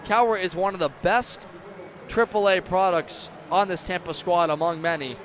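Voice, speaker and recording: A man's voice: high voice, moderate pace. A man doing live play-by-play commentary of an ice hockey game. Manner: erupts into excited shouts on big plays. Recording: clear background noise.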